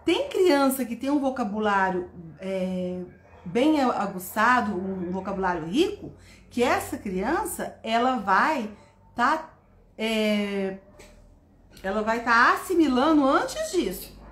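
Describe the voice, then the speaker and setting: A woman teaching a live online class to parents and educators, animated and stretching her words, greeting viewers by name. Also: a little high, slow. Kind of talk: live-stream teaching talk. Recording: roomy echo, faint background noise.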